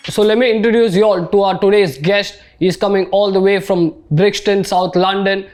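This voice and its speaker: A man's voice: sits high, steady tone, normal speed, darkish tone, soft background music. A man hosting a casual podcast interview in an informal, slangy way. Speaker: podcast host.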